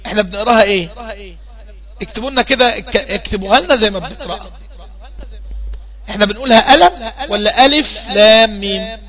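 A man with an Egyptian accent leads a tajweed lesson, his voice high and bright. He questions his students patiently and goes over each point again and again. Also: quick pace, pauses often, poor audio. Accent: Egyptian Arabic. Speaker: Quran recitation teacher.

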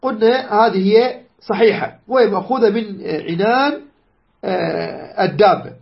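A man teaching a lesson on jurisprudence, explaining a text unhurriedly, repeating key phrases and pausing with drawn-out "aah" sounds. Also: sits high, creaky, dull audio.

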